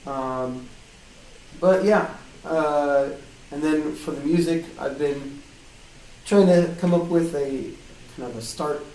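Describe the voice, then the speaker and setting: A man being interviewed, explaining his work in a casual, halting way in a hard-walled office with a metallic flutter echo. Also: fairly high pitch, dark tone. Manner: hesitant, halting, loosely worded. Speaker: game audio designer being interviewed. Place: small hard-walled office in co-working space. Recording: roomy flutter echo, distant mic, faint noise.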